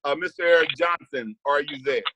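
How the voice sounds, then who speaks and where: A man's voice: on the high side, a little fast, lo-fi sound, background noise. A man hosting a video meeting, upbeat and encouraging as he calls on speakers. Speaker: host. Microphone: video call.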